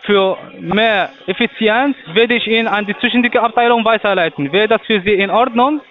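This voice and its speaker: High-voiced man on a phone line. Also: faint music behind. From Portugal. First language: Portuguese. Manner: halting, broken German, long-winded. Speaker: call center agent. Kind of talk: phone sales call.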